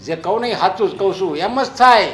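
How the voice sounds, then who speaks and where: A man's voice: high-pitched, expressive, a little fast, a bit bright, reverberant, faint music behind. A stern, superstitious father-in-law. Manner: scolding, lecturing.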